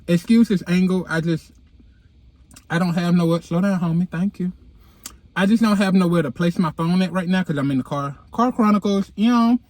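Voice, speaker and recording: A high-voiced man with a lisp, his s sounds whistling from dental aligners, chats casually to his followers from inside a car. A vlogger and podcast host, he's slangy, candid and sassy, speaking at normal speed with a darkish tone. His handheld phone picks him up with no echo.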